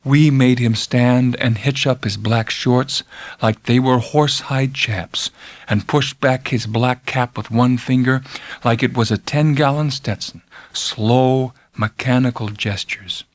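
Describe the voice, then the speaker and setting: Reading a first-person literary tale, this male narrator sounds intense and deliberate, letting his dramatic delivery fall into hushed moments before rising again. He keeps a steady tone at medium pitch, with no echo in the recording.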